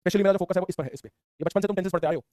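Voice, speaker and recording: A high-voiced man rattling through a class at top speed, teasing students with "है ना" after almost every line. He sounds like a teacher talking close to the mic in a dry room with no echo. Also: very fast, a little mellow. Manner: teasing, playful, repetitive tag questions. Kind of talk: fast online class lecture.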